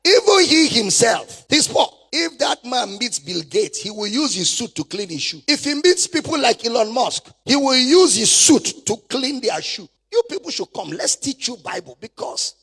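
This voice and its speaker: Male pastor, high lively pitch, gravelly; emphatic, mocking sermon delivery. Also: moderate pace, hardly any pauses. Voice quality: gravelly, husky. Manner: mocking, emphatic, scripture-quoting. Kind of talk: sermon rebuttal.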